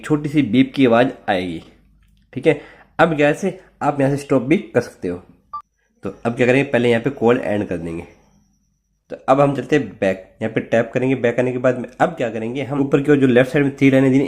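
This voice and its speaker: In a medium-pitched, slightly mellow voice, an Indian-accented man runs a casual tech tutorial. He explains every step instructionally and repetitively, often checking in with the viewer through tags.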